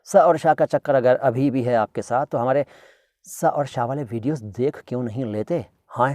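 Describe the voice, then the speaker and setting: A man's voice: medium pitch, moderate pace, darkish tone, dry recording. A man giving a casual, playful vocabulary lesson, repeating words to correct their pronunciation. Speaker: Hindi-Urdu language teacher.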